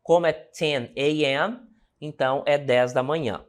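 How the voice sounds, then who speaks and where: A man's voice: a little high, measured pace. A man from Brazil teaching an English lesson, explaining step by step and checking in with the class.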